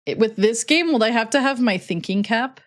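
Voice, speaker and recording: Playful woman streamer with animated, high voice. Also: fairly quick. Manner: playful gamer-girl banter with slang. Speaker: streamer and host. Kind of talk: casual livestream gaming chat.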